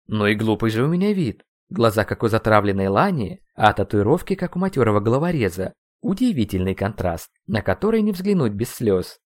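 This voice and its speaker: A man narrating a first-person audiobook, expressive and ironic. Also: fairly low pitch, fairly quick, hardly any pauses, no echo, studio quality.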